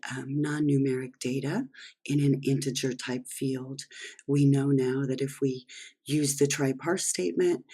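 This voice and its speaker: Programming instructor, hoarse, husky tone, step-by-step explaining, screencast lesson. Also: medium pitch. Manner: steady step-by-step explaining, talking through actions on screen. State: losing voice, hoarse. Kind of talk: screen-recorded coding lesson.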